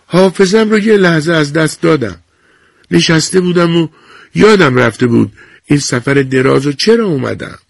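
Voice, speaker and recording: Brief: a man doing a frail, proud old grandmother, thin and high, slow and earnest, a husky gravelly edge, dry close sound. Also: expressive, dry recording. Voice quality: raised, thinned voice.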